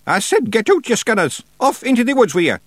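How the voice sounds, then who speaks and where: A man voicing an old blind witch woman who gives sharp, imperious orders. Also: fairly high pitch, huge pitch swings, normal speed, dry recording, pitched above the performer's own voice, full character voice. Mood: scolding. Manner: imperious, snapping.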